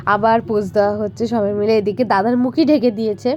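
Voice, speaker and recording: Young woman, hoarse from a cold, bengali accent, chatty vlog voice-over, warm mellow tone. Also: mid-range voice, steady tone, fairly quick, highs cut off. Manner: chatty, rambling, many fillers. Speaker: vlogger. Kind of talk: casual voice-over narration.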